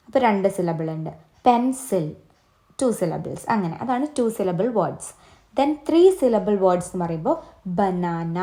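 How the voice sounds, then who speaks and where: A woman's voice: mid-range voice, warm tone. A woman with a Malayali accent giving a step-by-step exam-prep lesson, asking viewers to try along. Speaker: English teacher.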